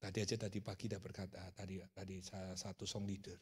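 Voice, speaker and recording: Husky-voiced man preaching in a reverberant church. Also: low voice, fast talker. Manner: animated storytelling, shouting in acted quotes. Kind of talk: sermon.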